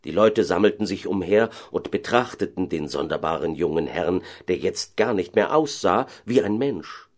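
A man narrating a fairy tale in an expressive, dramatic way. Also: sits low, moderate pace, few pauses.

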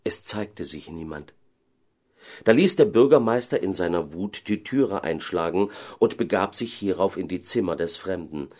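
A man narrating a fairy tale in an expressive, dramatic way. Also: low voice, moderate pace.

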